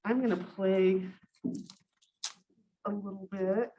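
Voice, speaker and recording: A middle-aged woman speaks through a cloth face mask in a small meeting room. Her voice sits at an ordinary pitch for a woman. She presents academic material in a conversational way, with wry asides. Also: steady tone, takes it slowly, slightly rough, highs cut off. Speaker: presenter, sociology professor. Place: small conference room, indoors.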